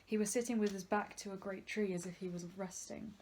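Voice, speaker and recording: A woman's voice: medium pitch, steady tone, a little fast, a little mellow, slight background noise, rough recording. Woman reading a book aloud at home. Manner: reads the book aloud, breaks off to swear and joke. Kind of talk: casual read-along with chat.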